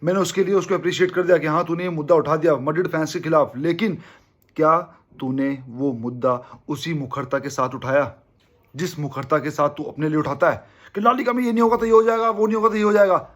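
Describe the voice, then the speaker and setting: A man's voice: fairly high pitch, steady tone, brisk. A young man from India hosting a football fan channel, giving an emphatic casual opinion monologue to his viewers and constantly calling them brother.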